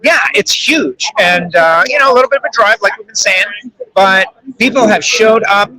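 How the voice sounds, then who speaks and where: A man's voice: sits high, normal speed, pushed and bright, no echo, low-quality recording. A man who emcees events, chatting energetically and enthusiastically. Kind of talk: casual chat. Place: crowded fan event.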